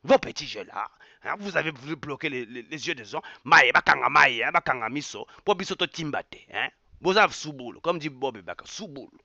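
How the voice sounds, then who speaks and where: A man rants with mocking exclamations, repeating words. His bright, gravelly voice leaps up and down in pitch. The sound is dull and lo-fi but dry. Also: animated, brisk, no room sound. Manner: repetitive, mocking, exclamatory, mixes in local phrases. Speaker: online commentator. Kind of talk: impassioned rant.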